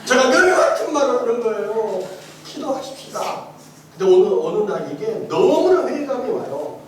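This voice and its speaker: High-pitched animated male pastor preaching. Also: moderate pace, a little hiss or hum. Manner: animated and emphatic, swings from shouts to soft asides, often laughs. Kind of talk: testimony sermon in a church training course. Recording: echoey church hall, mic far off.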